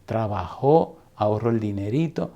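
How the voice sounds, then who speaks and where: A middle-aged man preaching a sermon, telling a story slowly and deliberately with long dramatic pauses. His voice is low-pitched and warm, mellow rather than bright. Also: lively intonation, lo-fi sound. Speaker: pastor.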